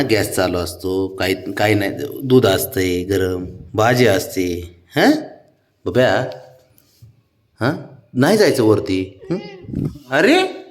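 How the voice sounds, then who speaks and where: This man talks to his pet cat in soothing, pleading baby talk meant to coax it along. His questions send his voice swooping up high.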